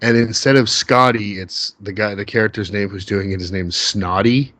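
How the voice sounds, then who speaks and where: A man's voice: lowish voice, steady tone, moderate pace, fairly bright tone, dry recording. A man co-hosting a podcast in casual chat, eagerly quoting movie lines and repeating his words as he gets going. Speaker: podcast co-host.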